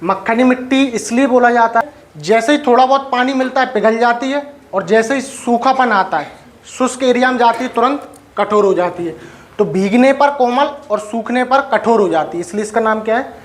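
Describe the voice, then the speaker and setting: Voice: mid-range voice, normal speed. Classroom teacher quizzing students. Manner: quizzes students and checks for doubts; dictates notes to write down. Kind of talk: live classroom lecture.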